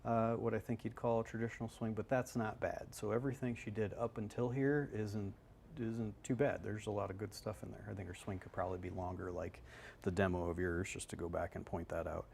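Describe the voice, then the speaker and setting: A man's voice: fairly low pitch, level tone, fairly quick, vocal fry, a little mellow, slight background noise. A man working as a golf instructor, explaining swings in a loose, conversational way on a live analysis show.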